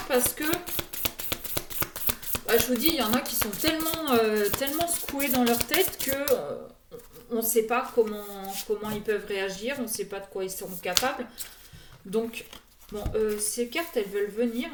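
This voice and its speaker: A woman's voice: on the high side, moderate pace, roomy sound, noisy background. A woman giving an oracle card reading to her viewers in a casual, hesitant way, full of fillers and restarts.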